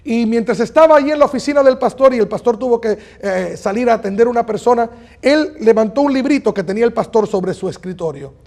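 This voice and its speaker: A man preaching a sermon as pastor, earnest and emphatic, repeating lines and slowing down on key phrases. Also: extremely high pitch, darkish tone.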